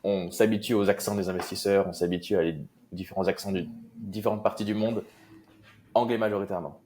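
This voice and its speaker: A man's voice: deep voice, steady tone, brisk, a little mellow, a little hiss or hum. A young man from Marseille, speaking as an investor guest in a casual interview, loose and hesitant with many fillers. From Marseille, France.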